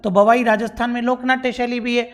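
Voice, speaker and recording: A man's voice: very high-pitched, flat delivery, quick pace. Man, Rajasthani accent, exam-prep teacher, repeats points, quizzes himself aloud. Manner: repeats key points, asks and answers own questions; addresses viewers as bhaiya and bhai sahab.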